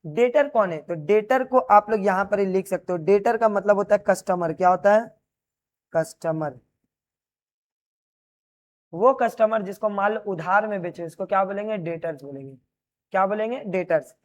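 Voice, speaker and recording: A man's voice: sits high, normal speed, pauses often. A man gives a classroom lecture on commerce. He turns each key term into a question and answers it at once, and keeps explaining as he writes on a board. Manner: repeats key terms as questions and answers them; explains while writing on a board. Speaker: commerce teacher.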